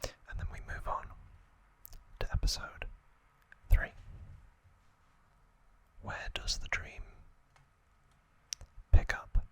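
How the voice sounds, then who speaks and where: A man hosts an ASMR video, whispering a recap softly and breathily without voicing, in short phrases broken by pauses.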